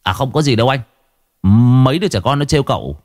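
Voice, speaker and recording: A man's voice: mid-range voice, sing-song, fast, a little mellow, no echo, studio quality. A man voicing a cunning, sweet-talking young trickster. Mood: coaxing. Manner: coaxing, smooth-talking.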